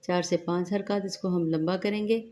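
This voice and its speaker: Her fairly low, mellow voice stays steady as she teaches tajweed, slowly explaining each recitation rule and drawing out the Quranic words she recites between them.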